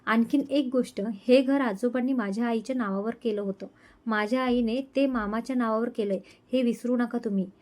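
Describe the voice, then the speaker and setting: A woman's voice: on the high side, steady tone, brisk, a little mellow, natural voice. A woman voicing a young woman who fiercely protects her little brother in a storybook reading. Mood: defiant. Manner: firm and defiant.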